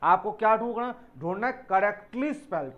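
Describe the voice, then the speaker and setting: A man with a high-pitched voice teaches English spelling for exam preparation. He explains each word step by step and spells words out letter by letter, calling his students children. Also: animated, a little fast, phone-quality sound.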